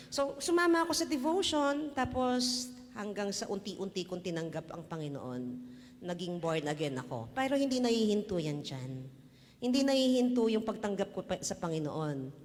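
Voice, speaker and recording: A woman's voice: mid-range voice, long reverb tail. A woman with a Filipino accent giving a casual personal faith testimony, chatty, laughing often and tossing in tag questions. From Philippines. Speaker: church testimony speaker.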